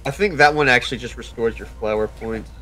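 A man's voice: medium pitch, a little fast, sharp tone, poor audio. A man giving casual, sweary video game commentary as he advises the player in an instructive way. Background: video game music.

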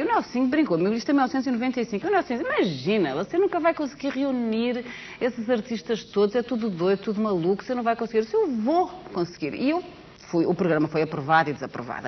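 A middle-aged Portuguese woman with a medium-pitched voice and an accent tinged with Brazilian sounds is a guest on a TV talk show, casually discussing her project. An animated storyteller, she gestures and adds quick asides; her lapel mic feeds a dull, lo-fi studio broadcast with faint hiss.

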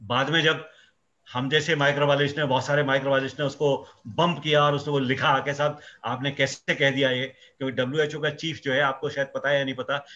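A man's voice: mid-range voice, little pitch movement, fast, sharp tone. A male microbiology professor explaining at length in an interview, emphatic and mixing in English phrases. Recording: dull lo-fi sound.

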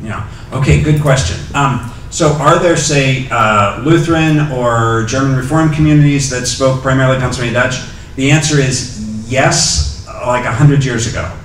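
A middle-aged guest lecturer fields audience questions at a podium in a lecture hall, holding a handheld mic and answering hesitantly with lots of ums and restarts. His voice is medium-pitched and a bit bright, at a normal speed with few pauses. The audio is echoey and distant, with a little hiss or hum.

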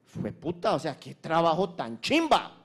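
On stage at a launch event, a Colombian conference speaker delivers a motivational talk that is emphatic, repetitive, and peppered with crude slang. His husky, higher-pitched voice swoops wildly in pitch, and he speaks unhurriedly.

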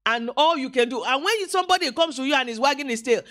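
A fast-talking woman preaches live in a church hall, her high voice sweeping up and down. Animated the whole way through, she acts out small scenes and calls out to the congregation.

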